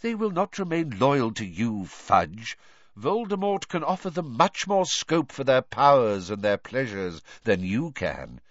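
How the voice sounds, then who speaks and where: Audiobook role: man playing powerful old wizard, composed and commanding, measured delivery with animated melody. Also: mid-range voice, no echo, muffled recording. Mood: urgent, commanding. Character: calm, authoritative, powerful elderly male wizard.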